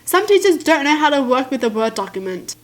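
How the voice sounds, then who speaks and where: High-voiced woman reading stories and reacting. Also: big pitch swings, brisk, background noise. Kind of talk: reading stories aloud with casual commentary.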